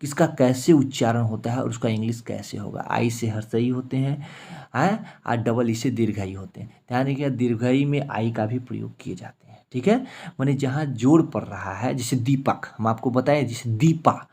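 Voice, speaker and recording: A man's voice: medium pitch, moderate pace, gravelly, few pauses, warm tone, slightly rough. A man teaching an English spelling lesson, explaining step by step and spelling names out letter by letter, often checking in with his students. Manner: explains step by step, repeats "ठीक है" and "मेरे साथियों".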